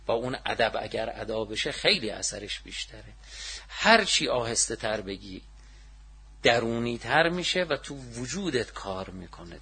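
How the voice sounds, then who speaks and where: A man preaching a casual, conversational religious lecture. He asks his listeners rhetorical questions and swings between loud emphasis and hushed, almost muttered asides. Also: lowish voice, slightly rough. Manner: writes books, speaks with authority.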